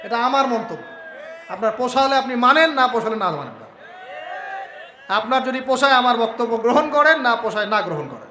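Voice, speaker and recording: A man's voice: very high voice, very animated, a little fast, bright, forceful tone, slight background noise. A man preaching a sermon, exhorting a crowd with rhetorical questions. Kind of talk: Bengali waz sermon. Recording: echoey hall, faint ambience.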